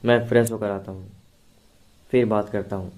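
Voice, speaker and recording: A man's voice: fairly low pitch, steady tone, normal speed, a little mellow, close to an everyday voice. A man voicing a good-humoured, doting young man in a storybook reading. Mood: teasing.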